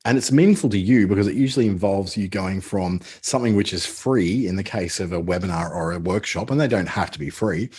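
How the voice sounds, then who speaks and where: A man with an Australian accent runs a live webinar in a chatty style, full of ums and uhs and hardly pausing. His low voice is husky and darkish, his pace brisk, and he clips the ends of his words.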